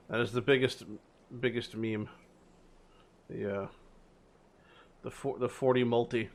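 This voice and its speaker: A man giving informal gameplay commentary as a streamer, swearing freely and repeating words for emphasis. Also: mid-range voice. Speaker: game streamer.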